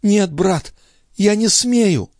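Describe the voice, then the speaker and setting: A man reads a young noblewoman in a trance, pitched high above his own voice and swooping widely, breathless and pleading as she cries out. Dry, close audiobook sound. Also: lively intonation, very slow, darkish tone, no room sound, exaggerated voice. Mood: anguished. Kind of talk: audiobook reading.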